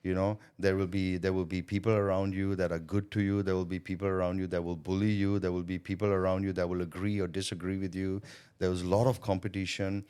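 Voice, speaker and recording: A man's voice: deep voice, flat delivery, quick pace, a little mellow, smooth. A man being interviewed about his business and childhood, talking earnestly and reflectively and often adding "right?" and "you know". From born in Thailand, schooled in India. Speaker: guest, sales coach and business owner. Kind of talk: interview conversation.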